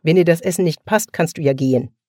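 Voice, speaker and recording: A man's voice: a little high, fast, dark tone, dry recording, clean studio sound, close to an everyday voice. A man reading aloud voices a brusque, defensive younger brother who dodges questions. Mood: curt. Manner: brusque, evasive.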